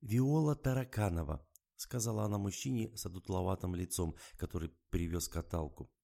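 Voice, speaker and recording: A man narrating an audiobook in an even, subdued tone. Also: deep voice, a little fast, creaky. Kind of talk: scripted narration.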